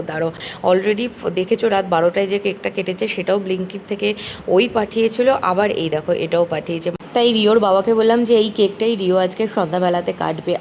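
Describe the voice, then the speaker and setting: Woman, 30s. Hushed, chatty home-vlog narration, phone mic, steady noise behind her in the house. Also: mid-range voice. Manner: speaks softly, in a hushed chatty tone. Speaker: vlogger and mother. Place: at home, indoors. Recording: home recording with clear background noise.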